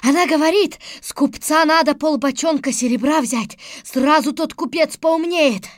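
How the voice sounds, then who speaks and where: A woman's voice: high-pitched, moderate pace, no echo, clean studio sound, close to an everyday voice. A woman voicing an eager young boy who runs errands for the tsar in an audio fairy tale.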